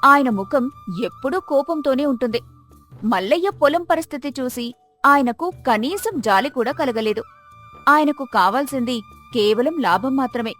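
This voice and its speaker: A woman telling a moral story in scripted, measured narration. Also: sits high, lively intonation, a bit bright, faint music behind.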